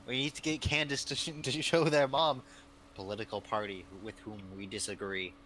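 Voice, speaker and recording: A man's voice: fairly low pitch, little pitch movement, fairly quick, fairly bright tone, a little hiss or hum, low-quality recording. Rambling, laughing male streamer. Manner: rambling, laughs often, many fillers. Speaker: streamer host. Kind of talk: casual chat on a live stream.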